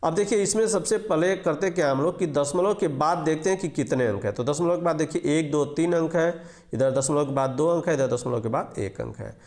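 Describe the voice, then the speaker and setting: A man's voice: a little high, fairly quick, a little mellow. A man teaching basic arithmetic step by step, patiently repeating each rule and quizzing before answering. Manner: patient, repetitive, walks through each digit and asks questions before answering. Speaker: math teacher. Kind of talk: explaining an arithmetic lesson step by step.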